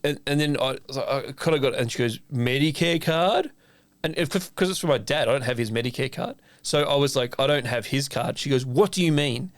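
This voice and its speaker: An Australian man in casual conversation, recorded dry and close with no room sound. He tells stories with lively, acted-out quotes and swears freely. His voice sits at an ordinary middle pitch. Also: fast talker, few pauses, dry recording. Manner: animated storyteller acting out both sides of a conversation. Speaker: chef and podcast co-host. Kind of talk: casual chat.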